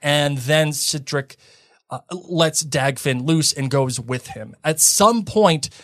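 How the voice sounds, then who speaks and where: A man's voice: a little high, takes it slowly, fairly bright tone, no echo. Opinionated man on a dry mic. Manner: opinionated, emphatic. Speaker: podcast co-host. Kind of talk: casual chat.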